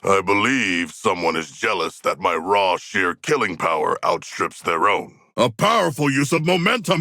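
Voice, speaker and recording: King Shark, a deep gravelly shark warrior. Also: pushed and bright, no room sound, clean studio sound, full character voice. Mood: earnest, matter-of-fact, then battle fervor. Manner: formal, stilted, precise diction with grandiose phrasing. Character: huge anthropomorphic shark man, earnest, literal-minded, proudly ferocious warrior. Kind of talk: video game character voice lines.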